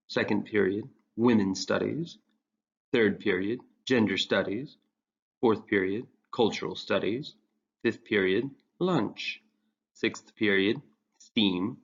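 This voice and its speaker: A man's voice: lowish voice, gravelly. A man narrating a scripted story in a dry, wry manner. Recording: dull lo-fi recording.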